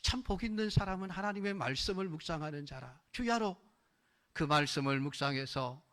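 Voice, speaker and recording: Fairly high-voiced man preaching a sermon. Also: brisk, a bit bright. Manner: preaching with repeated rhetorical questions; emphatic, rising in force on key phrases. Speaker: pastor.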